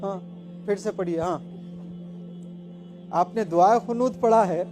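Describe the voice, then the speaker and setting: A man teaching a student to recite, encouraging her and tossing in quick English prompts. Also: high-pitched, over music.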